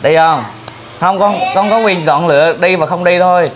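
With a crowd audible behind him, a high-voiced man speaks at a moderate pace. This charity vlogger chats casually with a family, joking as he coaxes a boy to come to the city.

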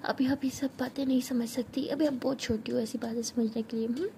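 A woman voicing an affectionate, protective young woman in a spoken love story, often soft and hushed. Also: a little high, steady tone, fairly quick, creaky, a little hiss or hum. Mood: tender.

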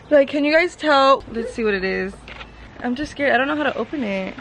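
A woman of twenty-two, talking to her camera in a casual vlog, excitable and gushing, full of slang. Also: high-pitched, normal speed, background noise. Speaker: vlogger.

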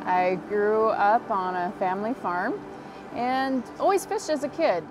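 A woman's voice: medium pitch, lively intonation, unhurried, low-quality recording. A middle-aged woman with a Montana American accent, a fly fishing guide, talking earnestly and with enthusiasm in an outdoor interview by a river. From Montana, USA. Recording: interview with music bed.

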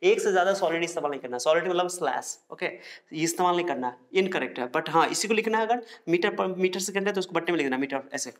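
A man's voice: high-pitched, lively intonation, fast. A man teaching a science lesson, repeating each point and asking the class questions that he answers himself.

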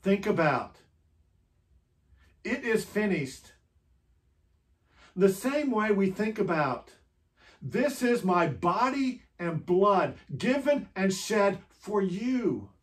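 A pastor leads a quiet Holy Week meditation at a strikingly slow pace, letting each short phrase hang before the next. The pitch rises and falls in lively swings as questions are put to the listener. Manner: gentle, unhurried, with many rhetorical questions to the listener; speaks in short phrases with long pauses.

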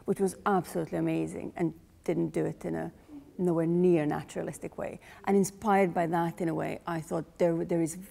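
A woman's voice: lowish voice, steady tone, fairly quick, creaky, warm tone. A woman in her forties with a Croatian accent, a playwright and director explaining her work thoughtfully in an interview in a large rehearsal hall. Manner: thoughtful, searching for words. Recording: long hall reverb.

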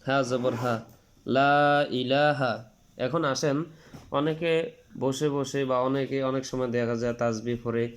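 Guy teaching quran reading, clear resonant voice, spells every letter, repeats the rules patiently. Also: medium pitch. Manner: spells each letter and vowel sign, drawing out long vowels in recitation. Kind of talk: spelled-out tajweed lesson.

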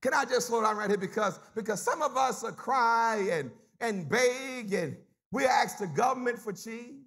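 A pastor preaching a sermon, rising into shouts and sung whoops and asking the congregation "Huh?". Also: male voice, very high-pitched, lively intonation, moderate pace. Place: church sanctuary.

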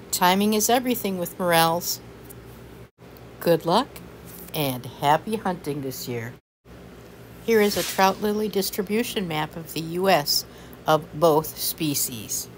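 A woman reading a scripted voice-over in a measured, instructive way. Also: low-pitched, slight background noise, low-quality recording. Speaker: narrator.

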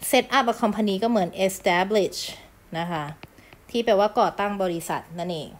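A woman English teacher, from Thailand, explaining a lesson in a chatty manner, reading English phrases slowly and clearly, with polite endings and casual asides. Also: mid-range voice.

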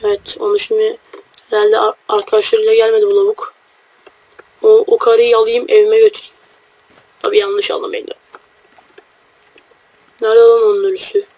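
A young man giving casual, joking let's-play commentary, brash and quick to swear at enemies while talking to his viewers. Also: high voice, monotone, darkish tone, no room sound. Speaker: gamer.

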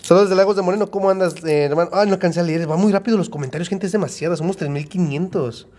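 A man from Mexico hosts a livestream from an indoor arcade, greeting viewers by name and cheering on the coin machine. His voice sits fairly high and sounds a bit blocked up from congestion. Clicking machines and arcade noise fill the background. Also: rapid-fire. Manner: chatty, greets viewers by name, excited by the game. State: congested nose. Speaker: livestream host. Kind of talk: live streaming chat at an arcade coin machine.

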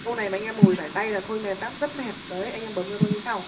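Fast-talking young male math tutor. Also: sits high, fairly even intonation. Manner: casual, joking, keeps checking students follow. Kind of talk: live math lesson. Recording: loud background noise.

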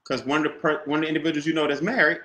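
A man's voice: fairly high pitch, little pitch movement, racing, pushed and bright, reverberant. Emphatic man coaching on a video call. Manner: emphatic, repeats key points, quizzes listeners. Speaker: business trainer.

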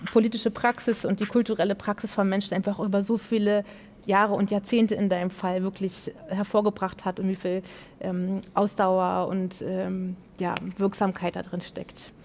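A woman's voice: mid-range voice, little pitch movement, normal speed, darkish tone, slight background noise. A young woman moderating a panel on a theatre stage, earnest and hesitant with many fillers.

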